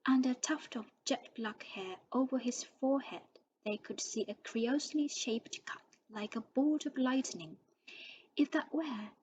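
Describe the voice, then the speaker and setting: A woman reading a storybook aloud, her voice soft and often dropping to a whisper. She stumbles now and then and restarts a word. A faint hiss runs under the recording. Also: fairly high pitch, normal speed, few pauses, lo-fi sound.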